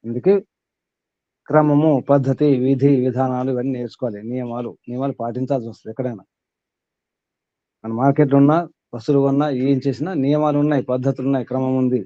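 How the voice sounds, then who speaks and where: A man's voice: medium pitch, fairly even intonation, fast, no echo, lo-fi sound. A man acting as spiritual teacher, giving a sermon to a small group, questioning his listeners and reeling off long lists.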